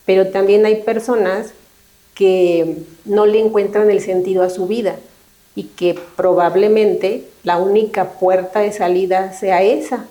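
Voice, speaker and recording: A middle-aged woman speaks as a guest in a conversational interview. Her tone is soft and mellow, sitting at an ordinary middle pitch. She talks in a reflective, unhurried way and often pauses to check in with a quick tag question. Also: low-quality recording. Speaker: thanatologist guest.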